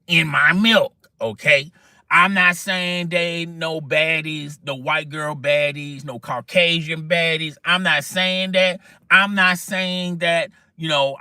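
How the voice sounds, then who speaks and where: A young man telling a story in casual slang, animated and talking straight to his listeners. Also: a little high, dry recording, studio quality.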